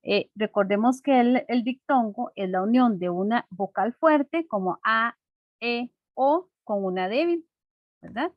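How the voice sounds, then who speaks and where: A woman's voice: a little high, lively intonation, measured pace, no echo, lo-fi sound. A woman teacher explaining a lesson patiently and simply, checking in with her class through frequent rhetorical questions.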